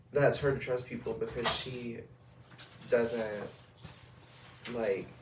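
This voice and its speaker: A man talking hesitantly in a casual student book discussion, with many fillers and restarts. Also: medium pitch. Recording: echoey room, far from the mic, noisy.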